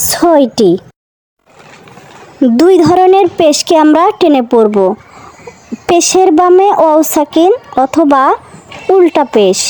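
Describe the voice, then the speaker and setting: A woman teaching Quran reading to children in a slow, patient lesson, spelling out each letter and vowel mark, then repeating the syllable. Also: high voice, a little mellow, rough recording. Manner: asks the listeners questions and answers them herself.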